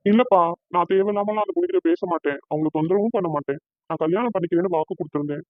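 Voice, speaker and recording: A woman's voice: on the low side, racing, no echo, natural voice. A woman voicing a troubled young son who explains himself earnestly and hesitantly, in a cartoon. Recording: tinny phone-like dry sound.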